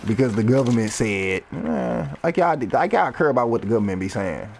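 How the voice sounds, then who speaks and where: A man's voice: medium pitch, big pitch swings, a little fast, vocal fry, a little mellow, a little hiss or hum. A man in his thirties, a rapper, rambling freely and swearing during casual gameplay commentary. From United States. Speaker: rapper and gaming streamer.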